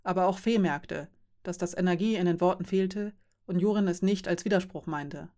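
A woman narrating a story in a plain, even reading voice. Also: fairly low pitch, moderate pace. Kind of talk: audiobook reading.

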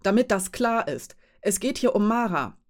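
A woman reading an audiobook voices a desperate, furious mother who shouts and pleads in a high, strained voice. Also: lively intonation, moderate pace, lightly acted. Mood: desperate, shouting. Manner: shouting, wavering between demand and pleading. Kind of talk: audiobook character voice.

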